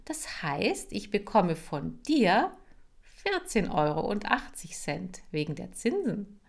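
A woman voicing a cool, self-assured young girl who gives calm, firm orders. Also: medium pitch, takes it slowly, vocal fry, heavily acted. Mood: smug. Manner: firm, calmly commanding.

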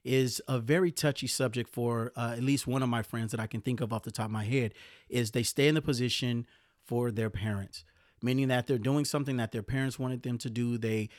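A man hosting a podcast, giving motivational career advice in a lively, preachy way that sometimes gets riled up. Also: mid-range voice, fairly quick, no echo, clean studio sound. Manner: animated, gets riled up, mimics complainers. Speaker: podcast host.

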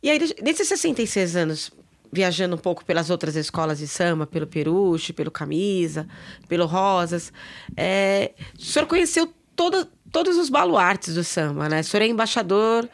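Brazilian woman journalist, lowish voice, warm follow-up questions. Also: lively intonation, normal speed. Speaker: journalist interviewer. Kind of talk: interview questions.

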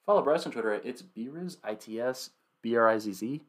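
A man's voice: medium pitch, animated, a little fast. A very tired man co-hosting a casual sports podcast late at night, talking in a sluggish, worn-out way on little sleep. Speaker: podcast host.

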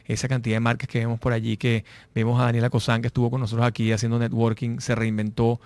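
A middle-aged man with a Venezuelan accent, a guest speaking in a casual interview, animated, repeating and restarting his words. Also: mid-range voice, quick pace, dry recording. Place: lives in Madrid.

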